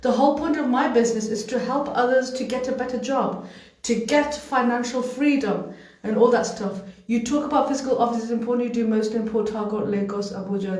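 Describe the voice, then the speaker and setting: British-born woman, study agent, earnest livestream talk, slightly high voice, very echoey room, mic well away. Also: a little mellow, recorded from a distance. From United Kingdom. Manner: earnest, emotional, repeats phrases for emphasis. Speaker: study-abroad education agent. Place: home room.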